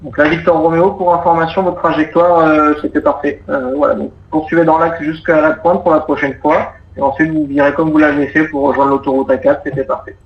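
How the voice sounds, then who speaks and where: This air traffic controller is a man whose fairly high voice stays flat, runs a little fast and leaves few pauses. He delivers courteous, procedural instructions and explanations by radio, heard through muffled, roomy audio with faint noise.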